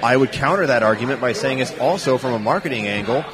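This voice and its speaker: A man's voice: mid-range voice, animated, fast talker. A man hosting a casual podcast chat, upbeat and laughing often, talking in long runs. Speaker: podcast host. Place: outdoors at a brewery. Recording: noisy crowd behind. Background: crowd chatter.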